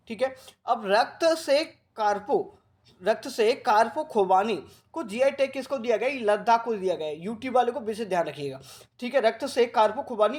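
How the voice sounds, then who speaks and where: A male coaching teacher from Rajasthan. He gives a current affairs lecture, speaking slowly and repeating key facts as he drills his students. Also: sits high, darkish tone. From Rajasthan, India. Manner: slow, repetitive drilling that coaxes students like a big brother.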